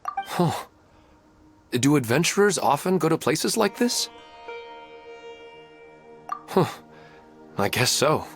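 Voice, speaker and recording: A gentle, wistful husband. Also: male voice, on the high side, very animated, takes it slowly, long pauses, full character voice. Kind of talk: video game dialogue. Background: game soundtrack music.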